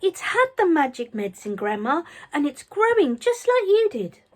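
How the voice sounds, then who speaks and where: A woman voicing an eager young boy in a storybook reading, calling out excitedly. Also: very high voice, slow, voice pushed up.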